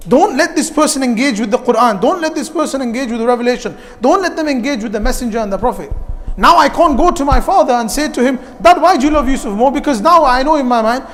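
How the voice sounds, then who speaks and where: A high-voiced man gives a youth talk in a mosque hall. He speaks in a lively, direct way and keeps putting questions to the room. His voice carries a long hall reverb.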